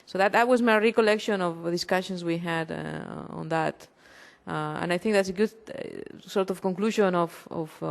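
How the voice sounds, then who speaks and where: A woman's voice: mid-range voice, a little mellow. A woman facilitating a conference panel, summing up in a hesitant way with many fillers and restarts. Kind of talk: closing summary at a conference panel.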